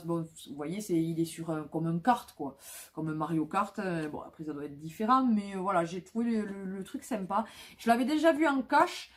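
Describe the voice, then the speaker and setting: Chatty woman showing flea market finds. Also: medium pitch. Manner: chatty, many fillers and restarts. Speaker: vlogger. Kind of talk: casual show-and-tell of flea market finds.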